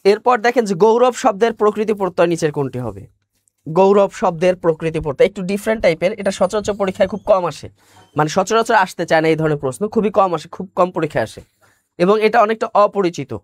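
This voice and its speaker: A man's voice: high voice, expressive, fast. A male teacher with a Bangladeshi Bengali accent giving an online exam-prep lecture, explaining step by step, repeating key words and asking the class questions.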